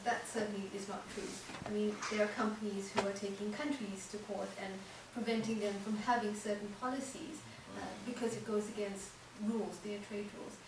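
A woman speaking as a panelist in a seminar, measured and thoughtful, with frequent ums. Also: medium pitch, little pitch movement. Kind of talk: panel discussion answer. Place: seminar room with audience. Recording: echoey room, distant mic, audible noise.

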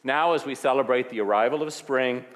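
A man leading a church service, reading the announcements and closing with a blessing in a gentle manner with light humor. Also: mid-range voice, brisk. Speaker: minister. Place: large church sanctuary. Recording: long hall reverb.

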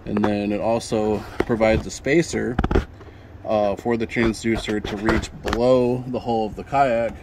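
Speaking a little slowly in a low voice with little pitch movement, a young Michigan man casually presents a fishing build for his fishing channel, filmed by phone in an apartment parking lot. He rambles, with many ums and restarts, and outdoor noise fills the recording.

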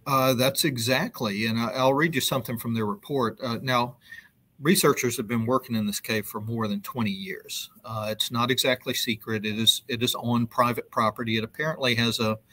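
Middle-aged male reporter, guest on a web show, speaking over a webcam from a brick-walled room, loose and halting with frequent ums. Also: mid-range voice, steady tone, sharp tone. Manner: loose, halting delivery with many ums and restarts. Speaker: news reporter interviewed as guest. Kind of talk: conversational explanation on a live web show. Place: indoor room with brick wall. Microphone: video call webcam.

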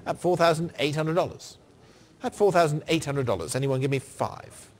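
Male fine art auctioneer, middle-aged, somewhat higher register, clipped formal bid-calling with figures repeated. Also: moderate pace. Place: large indoor auction saleroom.

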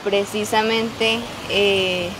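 A woman reporting live from a city street as a local news reporter, pausing often with filler sounds. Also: medium pitch, flat delivery. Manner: halting, many filler "eh"s. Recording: street noise behind the voice. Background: traffic and street noise.

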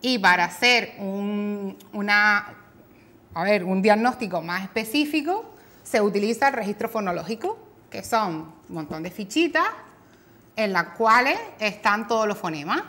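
A woman with a Canary Islands Spanish accent, a speech therapist explaining disorders in a patient, clear way on a talk show, sometimes imitating children's mispronunciations. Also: mid-range voice, lively intonation, unhurried, pushed and bright.

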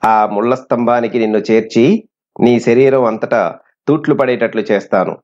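A man's voice: medium pitch, moderate pace, a little mellow, lightly acted. A man voicing a cruel, boastful male sorcerer with a threatening, gloating manner, on a dull lo-fi recording. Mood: menacing.

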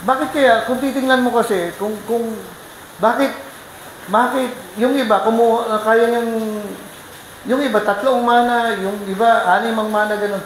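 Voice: medium pitch, normal speed, echoey room, a little hiss or hum, rough recording. A pastor preaching a sermon, telling a story with energy and keeping the congregation involved with questions. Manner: lively storytelling, keeps asking the congregation questions. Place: church.

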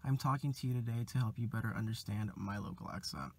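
A man from Orange County with a Southern Californian West Coast accent, reading a scripted accent demonstration with deliberate enunciation. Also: lowish voice, darkish tone, slightly rough. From Orange County, California, USA. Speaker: accent sample speaker.

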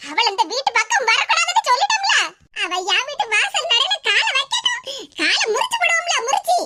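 Shrill nosy neighbor lady, tirunelveli accent, brash, loud hiss behind. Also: big pitch swings, fairly quick. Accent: Tirunelveli Tamil. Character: nosy village neighbor woman, brash and gossipy. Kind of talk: cartoon voice acting.

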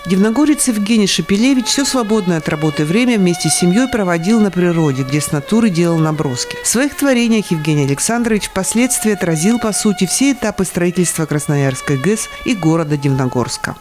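A woman's voice: fairly low pitch, animated, a little fast, hardly any pauses, music in the background. Woman reporter reading a news feature. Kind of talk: scripted news feature voice-over.

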